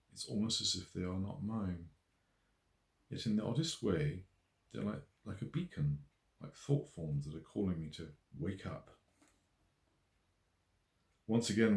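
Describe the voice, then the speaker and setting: An author reads his own novel aloud as an audiobook narrator, delivering scripted prose in a measured, expressive literary style. His voice is deep with vocal fry, and the roomy recording leaves audible echo around his words.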